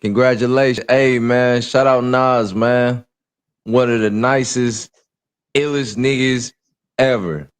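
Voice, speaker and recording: A man hosting a casual live stream discussion, laid-back and a little tipsy, giving shout-outs to viewers. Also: mid-range voice, steady tone, slow pace, clear, resonant tone. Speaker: livestream host.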